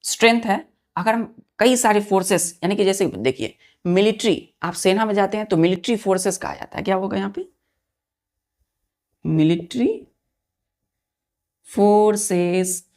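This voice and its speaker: Woman, grammar teacher, mid pitch, spells words letter by letter, repeats terms, quizzes students. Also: moderate pace, darkish tone. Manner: addresses listeners as children. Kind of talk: online exam-prep lesson.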